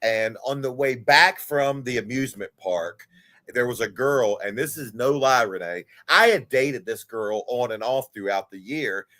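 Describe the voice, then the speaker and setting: Animated, bright-voiced man in his forties. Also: medium pitch, measured pace. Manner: animated, candid storyteller who swears freely. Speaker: guest. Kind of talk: casual livestream chat.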